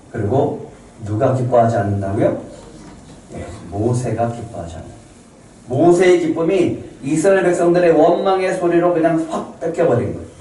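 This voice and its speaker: A man's voice: mid-range voice, warm tone, slight background noise. A male pastor giving a Sunday sermon, reading scripture aloud and putting questions to the congregation. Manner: asks the congregation questions and answers them. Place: church sanctuary. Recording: echoey church hall, mic from a distance.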